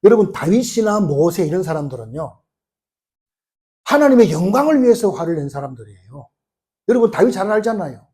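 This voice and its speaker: A man's voice: sits high, sing-song, fairly quick, warm tone. A male pastor preaching a sermon, emphatic and colloquial, who keeps asking rhetorical questions and retelling scenes in plain everyday speech.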